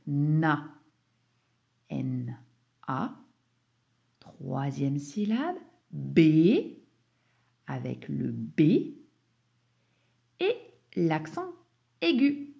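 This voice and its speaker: A woman teacher slowly correcting a dictation for young pupils, spelling words out letter by letter with patient explanations. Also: low voice, creaky, mellow. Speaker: primary school teacher.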